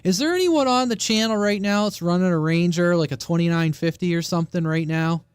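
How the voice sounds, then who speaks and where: A man with a notably high-pitched voice hosts an informal radio channel. His tone is clean and resonant, and his way of talking is blunt and conversational. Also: fairly quick, clean tone, no room sound. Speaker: CB radio operator hosting a live-streamed channel. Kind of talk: casual radio chat.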